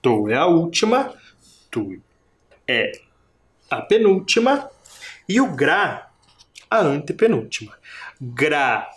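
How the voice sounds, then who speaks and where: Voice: mid-range voice, sing-song, slow pace, long pauses. A primary school teacher giving a recorded video lesson, patiently stretching words out and sounding out each syllable while asking the children questions. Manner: patient, asks the class questions.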